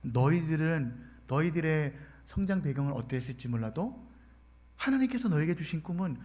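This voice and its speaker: A middle-aged man, a missionary, giving a mission report sermon in a church, telling stories and acting out the dialogue, rising loud and excited at the good news. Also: on the high side, moderate pace, slight background noise. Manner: storytelling, acting out quoted dialogue. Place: church sanctuary.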